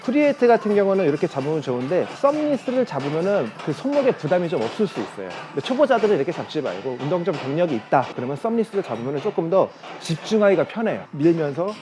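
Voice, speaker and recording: A man working as a fitness coach, explaining gym machines in a casual, chatty way while demonstrating. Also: on the high side.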